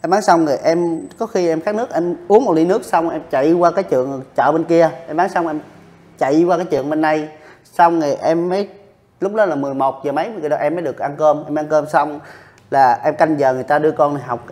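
A man speaks in casual interview talk. He is earnest and keeps circling back over the same points, his voice sitting a little high for a man. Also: fast talker, darkish tone. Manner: earnest, repeats himself while recounting. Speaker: interviewee, street vendor.

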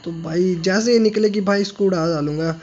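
A young man commentating his own shooter gameplay, excitable and teasing, shouting at sudden kills and muttering smugly in between. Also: sits high, fairly quick, muffled recording, faint music behind. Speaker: gaming YouTuber.

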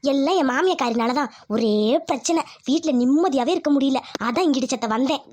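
A woman's voice: sits high, brisk, a little mellow, close to an everyday voice. A woman playing a frustrated young village wife who complains in an exasperated way.

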